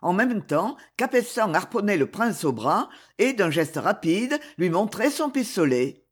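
An audiobook narrator reading a dramatic novel with expressive storytelling. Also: mid-range voice, a little slow, husky.

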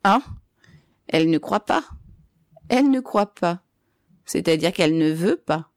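Woman reader voicing an old bearded man: hoarse, placid, slow and blunt, for a storybook. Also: lowish voice, mellow, no echo, clean studio sound. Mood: calm gruff.

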